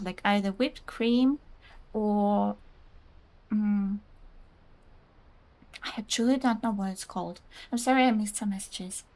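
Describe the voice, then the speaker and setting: In a low-quality recording, a young woman with a mid-range, slightly mellow voice chats casually while streaming a game. She's a native Russian speaker who rambles, uses "like" constantly, reads chat aloud and laughs a lot.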